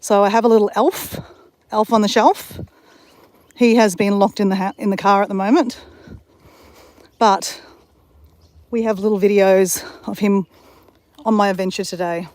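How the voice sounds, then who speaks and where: Out walking, an Australian vlogger rambles to her channel in a mid-range, steady voice at a moderate pace, slightly mellow and with frequent pauses. Fillers and restarts pepper her talk, and there's no echo.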